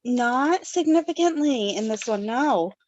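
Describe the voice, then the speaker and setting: A woman's voice: on the high side, animated, unhurried, darkish tone, dry recording, muffled recording. A woman hosting a casual book club podcast, reading background notes and then summarizing the story with fillers and laughs. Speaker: podcast host.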